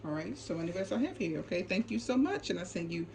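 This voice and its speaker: Her voice is fairly low and a little mellow, with lively intonation and a fast delivery. This tarot reader and channel host gives a casual, unscripted spiritual card reading, emphatic and repetitive and full of short check-in tags, recorded against a clearly noisy ambient background.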